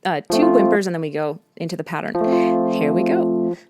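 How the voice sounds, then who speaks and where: A woman vocal coach leading a quiet vocal warmup, stopping to demonstrate soft sounds. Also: lowish voice, big pitch swings, fairly quick, over loud music.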